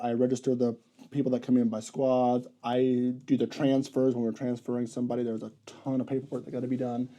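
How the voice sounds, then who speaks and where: Rambling young man with a dark mellow voice. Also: medium pitch. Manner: rambling, self-correcting, animated retelling. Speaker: podcast guest, ER health unit coordinator. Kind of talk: casual podcast conversation.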